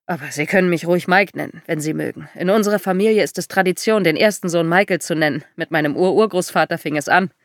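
A woman reading an audiobook, voicing a friendly, chatty older American gentleman who is a little louder than the narration. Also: fairly low pitch, normal speed, few pauses, no echo, clean studio sound, close to an everyday voice. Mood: charming.

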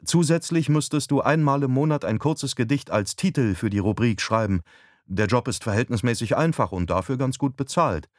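A man voicing a calm, persuasive young wife in an audiobook, raising his pitch and speaking gently. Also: moderate pace, no room sound, clean studio sound, lightly acted. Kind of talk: audiobook dialogue.

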